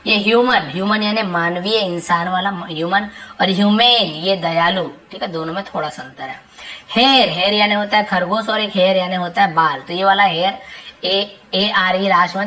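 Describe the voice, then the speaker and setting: A woman teaching a vocabulary lesson in a patient, repetitive way, each explanation trailing off softly at the end. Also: fairly low pitch, rough recording.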